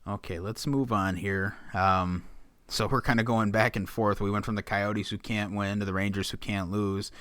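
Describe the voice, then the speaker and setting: A man's voice: on the low side, steady tone, moderate pace, a bit bright, clear, resonant tone, dry recording. A man co-hosting a casual sports podcast, laying out points and steering the talk. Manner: steers the conversation, lays out points. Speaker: podcast co-host.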